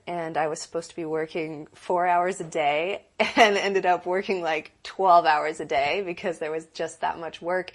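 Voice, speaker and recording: A young adult woman who produces and directs speaks in a casual interview, earnest and reflective, with a deep voice. She thinks aloud, making small restarts as she goes.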